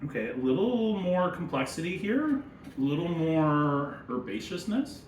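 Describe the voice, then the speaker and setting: A man's voice: fairly high pitch, sing-song, unhurried. A man speaking as a sommelier in casual tasting commentary, wry and opinionated, full of wine jargon. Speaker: sommelier and presenter. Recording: echoey room, faint background noise.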